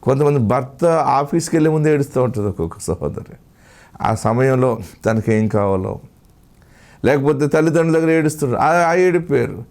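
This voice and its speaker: Telugu pastor preaching slowly, then hushed. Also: male voice, mid-range voice. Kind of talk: sermon.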